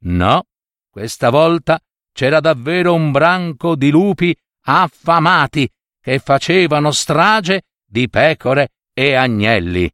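A man narrating a fable in an expressive, theatrical storytelling style. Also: a little high, slow pace, no echo, clean studio sound. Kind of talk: scripted storytelling.

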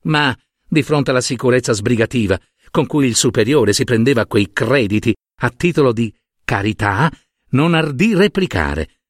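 Expressive male audiobook narrator. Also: medium pitch, normal speed, no room sound. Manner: expressive storyteller's delivery. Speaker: reader. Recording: dry close studio sound.

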